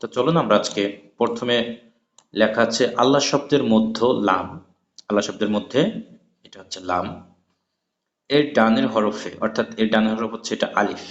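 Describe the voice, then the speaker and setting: A man teaching a Quran recitation class, patiently spelling out letters and vowel marks, then chanting the words slowly. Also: lowish voice. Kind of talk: spoken lesson with chanted examples. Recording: echoey, dull lo-fi room recording.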